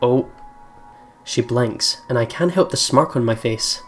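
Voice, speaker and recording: A man with a mid-range voice speaks a little slowly as he reads a visual novel aloud for a let's play. He reacts in a chatty, playful manner and often repeats words, backed by game music.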